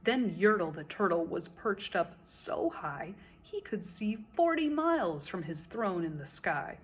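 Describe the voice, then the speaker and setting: A woman reciting a children's story in verse as a storyteller, with expressive, dramatic and deliberate phrasing. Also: mid-range voice, breathy edge.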